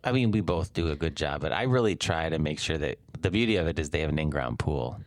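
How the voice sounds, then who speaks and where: A man co-hosting a podcast, his voice very deep and low. He reminisces in a jokey way, with self-deprecating asides. The recording is dry and close-miked. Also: animated, quick pace, dry recording. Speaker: podcast co-host. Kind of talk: casual chat.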